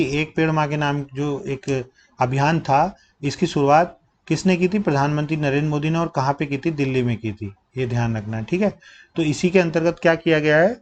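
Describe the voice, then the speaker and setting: A young man teaching current affairs for exam prep, asking questions and answering them himself, dropping low to stress key facts while he writes with a pen. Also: a little mellow.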